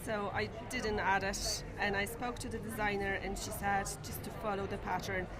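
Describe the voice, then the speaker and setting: A woman's voice: mid-range voice, little pitch movement, normal speed. A woman from Poland, not a native English speaker, talking casually as a guest at a knitting social in a busy shop. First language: Polish. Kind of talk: casual interview. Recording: crowd chatter behind.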